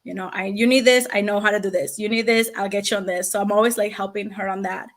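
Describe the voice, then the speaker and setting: An animated woman in her thirties, from Venezuela, speaks as a guest in a casual interview. She talks quickly in a medium voice and tells her story with energy, breaking into laughter here and there. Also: medium pitch. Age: 30s. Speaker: guest, founder of a language access business.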